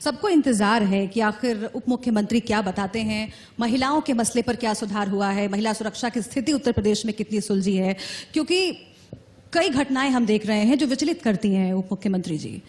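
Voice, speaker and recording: A woman's voice: mid-range voice, a little fast, a little mellow. A woman news anchor pressing a politician with pointed, probing questions in a televised interview.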